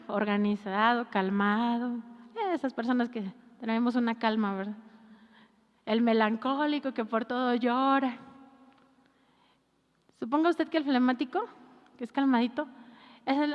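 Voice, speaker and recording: A woman pastor, preaching a lively sermon and acting out scolding voices. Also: on the high side. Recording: reverberant hall, dull lo-fi sound.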